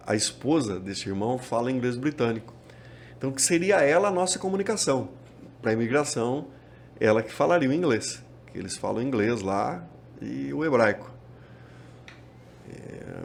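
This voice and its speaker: A Brazilian pastor, telling a travel story as a podcast guest. He is a lively storyteller who acts out quoted dialogue. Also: medium pitch, slight background noise. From Minas Gerais, Brazil. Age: 50s.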